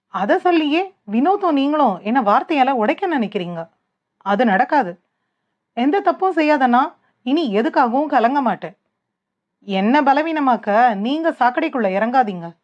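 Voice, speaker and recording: A woman voicing a young bride who speaks earnestly and with feeling. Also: on the high side. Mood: defiant. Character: hurt young bride, tearful then defiant. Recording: dull lo-fi.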